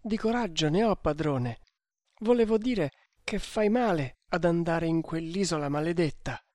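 A man's voice: fairly high pitch, moderate pace, darkish tone, no echo, studio quality, pitched above the performer's own voice, lightly acted. A man voicing a loyal, fearful Indian servant who pleads with his master in an audiobook. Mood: pleading.

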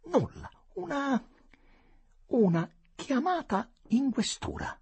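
Man playing a shaken, pleading gentleman. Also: extremely high pitch, wildly swooping pitch, slow, vocal fry, slightly rough, pitched above the performer's own voice, exaggerated voice. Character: shaken middle-aged man, pleading quietly for calm.

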